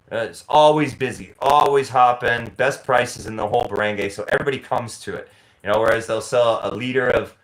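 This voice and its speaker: A man's voice: medium pitch, low-quality recording. A man vlogging in a casual storytelling monologue, rambling with restarts and acting out both sides of conversations. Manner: animated, acts out both sides of conversations with voices. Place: living abroad in a tropical city.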